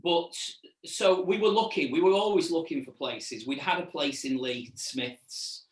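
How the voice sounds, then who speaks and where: Man, echoey and distant. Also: a little high. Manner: halting, repeats words as he recalls. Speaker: restaurant owner and chef, interview guest. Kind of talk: casual interview chat, reminiscing. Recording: echoey room, distant mic.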